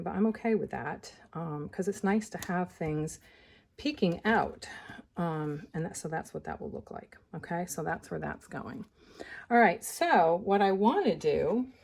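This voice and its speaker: A woman teaching scrapbooking in a casual, chatty tutorial, thinking aloud as she works and a little out of breath. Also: lowish voice. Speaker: scrapbooking instructor.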